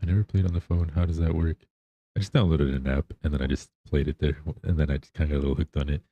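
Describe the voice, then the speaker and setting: Male livestreamer, extremely low and mellow, slightly husky, rambling laid-back chat in a dry-sounding space. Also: fairly even intonation, fast talker, no echo, narrow, tinny audio. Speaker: live streamer.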